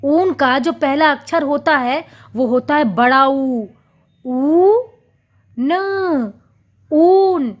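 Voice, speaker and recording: A woman teaching a children's lesson, slowly and clearly sounding out syllables in a sing-song way. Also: high voice.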